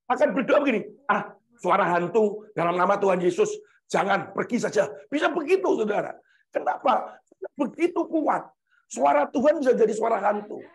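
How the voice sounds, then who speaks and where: A middle-aged pastor from Indonesia delivers a sermon with a high, bright male voice. He preaches in an animated way, switching into little acted-out voices for the people he quotes.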